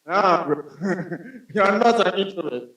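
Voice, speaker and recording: Chatty high-voiced male comic. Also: lively intonation, a little slow, fairly bright tone. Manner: conversational, addresses the audience as bro. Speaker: stand-up comedian. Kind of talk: stand-up comedy set. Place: comedy club stage. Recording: roomy club sound from a distance.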